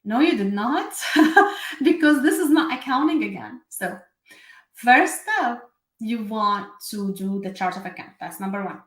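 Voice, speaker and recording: A woman's voice: fairly high pitch, expressive, unhurried. Syrian-born lady, chatty bookkeeping host, lots of ums and restarts, echoey room. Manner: chatty, with many fillers and self-corrections. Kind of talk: casual live explainer.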